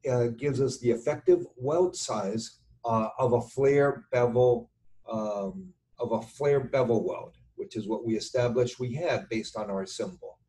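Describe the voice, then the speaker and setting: Over screen share from his computer, with a webcam indoors, a middle-aged structural engineering instructor explains technical material in an informal tutorial. His mellow, relaxed, mid-range voice comes slowly and haltingly as he thinks aloud while writing, with keyboard typing around his words, and the recording is rough.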